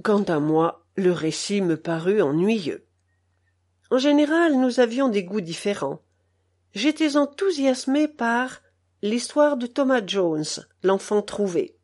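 A woman narrating a novel in a measured, expressive reading style. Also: mid-range voice. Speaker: audiobook narrator. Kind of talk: scripted literary narration.

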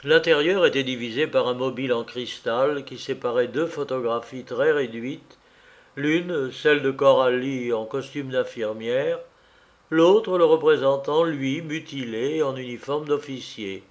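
A man narrating a classic novel aloud in an even, literary storytelling manner. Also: mid-range voice, measured pace. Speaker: audiobook narrator. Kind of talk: scripted narration.

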